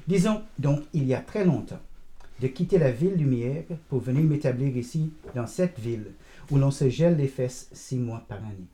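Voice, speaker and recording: An old grandfather, read by a man, tells his story in an unhurried, digressive way. His voice is very dark and mellow, and he teases his listener gently and wanders off the point. It sounds like first-person audiobook narration. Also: medium pitch, expressive, lightly acted. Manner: meandering, digressive, gently teasing.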